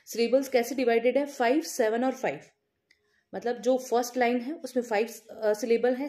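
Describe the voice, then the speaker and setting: Her voice is on the high side but dark in tone as this woman teacher delivers a literature lecture aimed at exams. Mixing Hindi with plenty of English terms and filler pauses, she poses her own questions, answers them, and goes over key points again.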